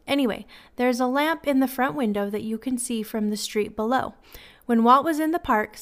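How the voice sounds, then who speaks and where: Stuffed up with a cold, a female podcast host makes chatty, apologetic small talk in a fairly high voice. The recording is dry, with no room sound.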